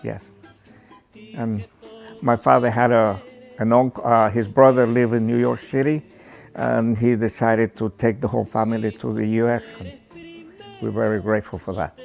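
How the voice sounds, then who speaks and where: A man's voice: medium pitch, steady tone, moderate pace, creaky, pauses often, darkish tone, soft background music. A man, recalling family history plainly and with some hesitation. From Ecuador. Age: 80s. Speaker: interviewee. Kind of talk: reminiscing interview.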